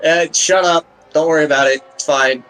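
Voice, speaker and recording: Excitable male sim racing commentator. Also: a little high, moderate pace, low-quality recording. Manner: excitable, jokey, rising to shouts at incidents. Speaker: race commentator.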